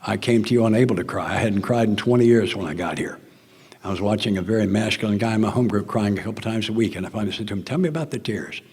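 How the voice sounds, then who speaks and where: A man's voice: lowish voice, fast, a little mellow, breathy edge, in a large hall. An older man with a Southern American accent, telling his story in an earnest, plainspoken way at a recovery meeting, sometimes dropping to a near whisper. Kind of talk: personal talk at a recovery meeting.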